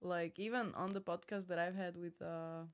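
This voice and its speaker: A woman's voice: lowish voice, fairly even intonation, normal speed. Blunt young woman with a Slovak accent. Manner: blunt, self-deprecating. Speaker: podcast guest. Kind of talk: casual chat.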